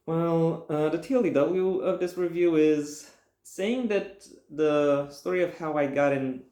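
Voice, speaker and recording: Rambling, halting man in a roomy echo. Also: medium pitch, a little mellow. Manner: rambling, halting, with frequent restarts; bursts into emphatic mock-stern ranting. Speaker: book reviewer. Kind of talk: casual spoken book review. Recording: echoey room.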